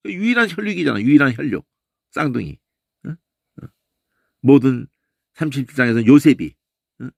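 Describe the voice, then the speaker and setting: Male Bible teacher, lively lecturing voice with a gravelly edge, dry close sound. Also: on the high side, a little slow, long pauses, no echo. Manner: animated, keeps asking "eh?" and mimics voices and sounds.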